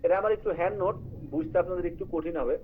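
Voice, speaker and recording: Fast-talking male teacher, phone-like line. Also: high-pitched, a little hiss or hum. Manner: explanatory, quizzes students, mixes in English. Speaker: English writing teacher. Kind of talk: live online class lecture.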